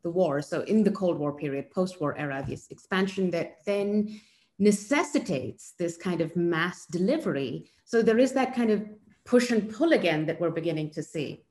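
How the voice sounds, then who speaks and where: A woman interviewing an author, asking measured, thoughtful questions. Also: on the low side, lively intonation, darkish tone, low-quality recording.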